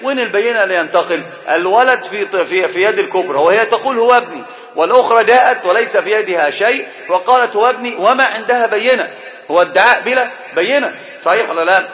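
A man with a high voice teaches a religious text quickly and with energy. The recording is roomy and dull, like an older lo-fi lecture tape. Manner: animated, acts out quoted speech. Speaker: sheikh teaching a book. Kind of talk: Islamic lecture.

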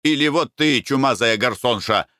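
A man voicing a coarse, rowdy middle-aged merchant who shouts and curses boisterously. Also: medium pitch, normal speed, no room sound, clean studio sound, lightly acted. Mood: gleeful scheming.

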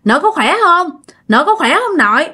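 A woman's voice: very high-pitched, big pitch swings, a little fast, pushed and bright, voice pushed up, heavily acted. A woman voicing a frantic young man who keeps calling out to his grandmother in a dream. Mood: pleading. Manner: urgent, repeated calling out.

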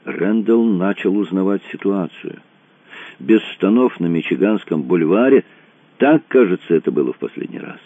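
A man narrating an audiobook in an expressive reading style, in a tinny, dry recording. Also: sits low, moderate pace. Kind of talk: scripted narration. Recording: tinny phone-like dry sound.

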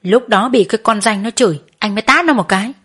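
A woman's voice: on the high side, quick pace, fairly bright tone, slightly rough. Woman reading as middle-aged drunk guy, defensive and pleading. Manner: pleading, self-justifying.

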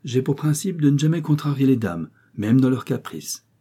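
A man's voice: medium pitch, sing-song, moderate pace, dark tone, breathy edge, pitched above the performer's own voice. A man reading aloud and voicing a jovial, insinuating Parisian schemer. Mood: sour.

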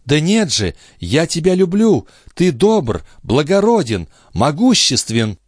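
A man reading an audiobook, voicing a devoted young woman in a soft, raised voice. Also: on the high side, sing-song, moderate pace, no room sound, studio quality, pitched above the performer's own voice. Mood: adoring.

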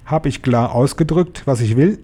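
A man voicing a tyrannical female witch leader in a storybook reading, screeching and slow with menace. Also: medium pitch, warm tone, voice pushed up, natural voice. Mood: scornful rage. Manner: screeching, spitting scorn, slow menacing emphasis.

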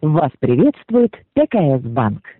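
An automated bank phone-line greeting, delivered in a flat, scripted, recorded way. It sounds robotic and tinny over a phone line, with a lively sing-song lilt. Hold music plays clearly underneath. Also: mid-range voice, unhurried. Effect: automated phone-menu greeting over a line.

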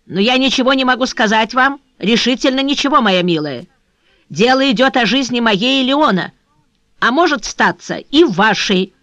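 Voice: mid-range voice, expressive, moderate pace, fairly bright tone, no echo, voice pushed up, natural voice. Reader doing a cunning male villain, cold commands, false friendliness, audiobook character, dry close sound. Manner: cold, insistent, feigning friendliness. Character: sly male abductor, coldly commanding. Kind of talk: audiobook reading.

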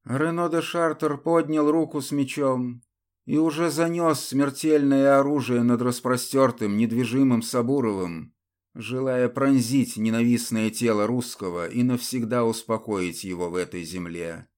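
A man's voice: mid-range voice, darkish tone. A man narrating an audiobook in a dramatic, theatrical reading style. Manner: slow, deliberate, theatrical reading.

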